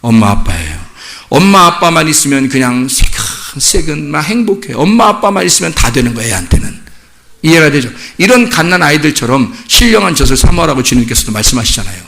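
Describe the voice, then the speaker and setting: A man's voice: fast, gravelly. A middle-aged male pastor giving a sermon, telling stories animatedly and putting questions to the congregation. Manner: animated storytelling, acts out children's voices in high pitch.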